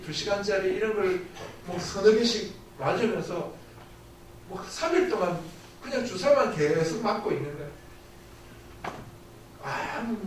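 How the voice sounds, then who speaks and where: This high-pitched male missionary gives an earnest testimony from the pulpit, questioning the congregation rhetorically. Slight background noise mixes with the strong echo of the church sanctuary, and he sounds far from the microphone.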